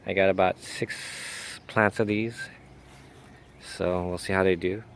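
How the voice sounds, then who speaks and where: A man's voice: sits low, fairly even intonation, takes it slowly, slight background noise. A man giving a casual, rambling walk-through of his home garden outdoors, with frequent fillers and self-corrections.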